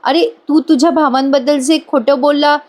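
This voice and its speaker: A woman gives an earnest young heroine whose high voice pleads and apologizes. It is a voice-over retelling of a TV serial. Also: steady tone, normal speed, a little mellow, lightly acted. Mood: apologetic. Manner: pleading and emotional.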